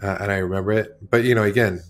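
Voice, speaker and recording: A man in his forties, originally from Iran, speaks in a low voice as a guest artist. He rambles candidly and often corrects himself mid-thought. Faint music plays quietly behind him. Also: fairly even intonation, racing. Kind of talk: casual interview talk.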